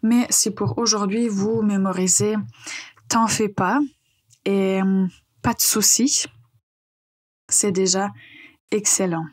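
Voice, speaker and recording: A woman teaching French on a podcast, explaining phrases patiently with frequent pauses and hesitations. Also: medium pitch, steady tone, slightly rough. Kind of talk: podcast language lesson.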